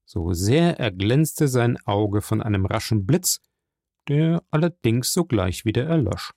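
A man reading a classic novel aloud in slow, measured narration. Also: mid-range voice, lively intonation, gravelly, a little mellow, dry recording, studio quality. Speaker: audiobook reader.

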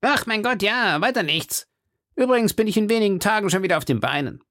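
A man's voice: high-pitched, expressive, fairly quick, bright, forceful tone, no echo, studio quality, voice pushed up. A man voicing a hearty, boastful musketeer in an audiobook reading, with a swaggering manner. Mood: jovial. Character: boastful, hearty male musketeer, bedridden, jovial.

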